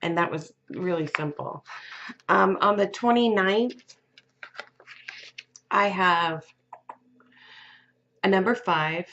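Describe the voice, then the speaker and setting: Slow, gentle woman reading tarot. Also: mid-range voice, lo-fi sound, slight background noise. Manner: slow, gentle, with fillers and restarts. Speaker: tarot reader.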